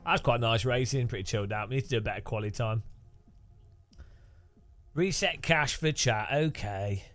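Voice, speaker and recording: Music plays faintly behind a male sim racing streamer from the English Midlands. He jokes around animatedly, occasionally erupting in high-pitched bursts, and keeps a moderate pace.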